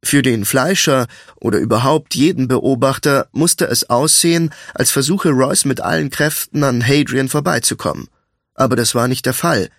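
Measured male audiobook narrator, dry close sound. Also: mid-range voice, vocal fry, no room sound. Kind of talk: scripted fantasy narration.

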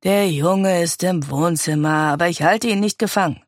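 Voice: medium pitch, normal speed, no room sound, clean studio sound, natural voice. A narrator voicing a scruffy old man who pleads anxiously in a storybook reading. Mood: pleading.

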